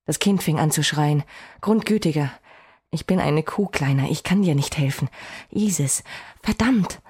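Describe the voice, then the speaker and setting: A woman narrating a first-person fantasy audiobook, expressive with dry, wry asides. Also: deep voice, normal speed, breathy edge.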